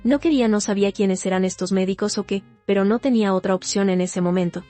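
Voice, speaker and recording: Speaking quickly, a woman gives a sober, steady first-person account of her own testimony. Her middle-pitched voice carries a gentle, mellow warmth, while a faint plucked guitar sounds in the background.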